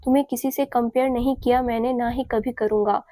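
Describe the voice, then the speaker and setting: Woman narrator doing a domineering young boyfriend, curt orders, fairly high voice. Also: fairly even intonation, fairly quick, dark tone, no echo, lightly acted. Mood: stern. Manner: curt, commanding. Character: stern domineering young man, angry lover.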